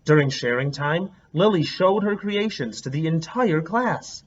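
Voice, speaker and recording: A man reading a picture book aloud as a teacher, a lively storyteller who stops to comment on the pictures. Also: fairly high pitch, measured pace, muffled recording, a little hiss or hum.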